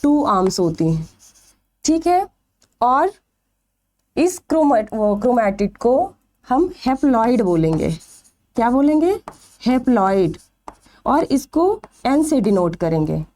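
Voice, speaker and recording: Lively-voiced woman teaching biology. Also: fairly high pitch, slow pace, long pauses. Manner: asks questions then answers them herself, stretching key terms. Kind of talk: exam-prep lecture.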